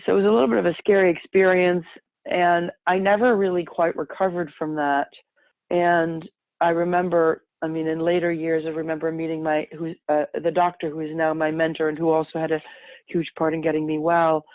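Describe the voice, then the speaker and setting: This is casual personal storytelling from a middle-aged, French-speaking woman appearing as a podcast guest, musing and rambling and frequently revising herself mid-sentence. Her voice is low and brisk, with little pitch movement. It comes through a thin, phone-like line, completely dry.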